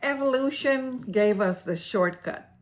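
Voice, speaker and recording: A woman's voice: a little high, expressive, a little slow. A woman hosting an educational series, narrating a scripted explainer in a playful, theatrical way and laughing at her own jokes.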